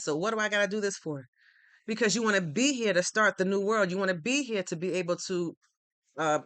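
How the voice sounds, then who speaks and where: With a high-pitched, pushed and bright voice and no room sound, a man runs a live stream of motivational talk, earnestly and repeatedly encouraging his viewers in their faith.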